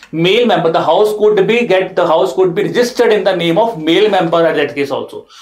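A man in his thirties with an Indian accent teaches exam material in an explanatory lecture style, repeating phrases for emphasis. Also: high-pitched. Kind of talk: classroom lecture mixing English with some Hindi asides. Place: indoor teaching studio in front of a screen. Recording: echoey room sound.

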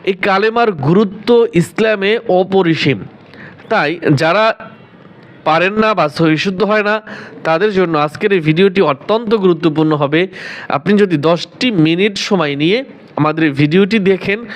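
A man with a high voice teaches Quran pronunciation step by step. He chants each phrase slowly and drawn out, with quick explanations in between.

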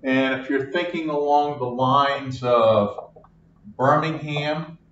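In a medium-pitched, slightly bright voice, an older man lectures on math at the whiteboard, taking each step slowly and repeating every point with patience. There's slight background noise, and the recording from across the echoey classroom comes out distant and dull.

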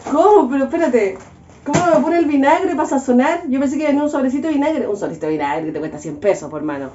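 Cooking at home, this Chilean vlogger vents with exasperated humor and frequent laughter in a relaxed chat to her viewers. She pitches high, speaks fast with lively intonation and a dark tone, and there's slight background noise. Her kitchen gives an echoey, dull sound.

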